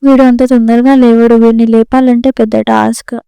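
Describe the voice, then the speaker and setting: A woman's voice: fairly high pitch, flat delivery, a little fast, creaky, warm tone, smooth, dry recording. An actress playing a young mother who coaxes and soothes her crying baby in a short film. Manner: tender, worried, coaxing.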